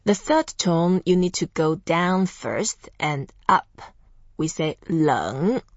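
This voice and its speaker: A young woman from Taiwan hosting a Chinese language lesson, who pronounces words slowly and carefully for drills. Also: lowish voice, expressive, no room sound, muffled recording. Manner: slow, careful pronunciation drills. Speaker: Chinese language teacher and host. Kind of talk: scripted language lesson podcast.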